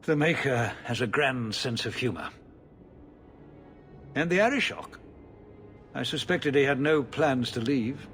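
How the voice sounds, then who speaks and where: A man's voice: mid-range voice, expressive, measured pace, pauses often, a bit bright, faint music behind. A man playing a weary, rueful ruler in a video game, speaking in clipped, ironic phrases. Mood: weary irony.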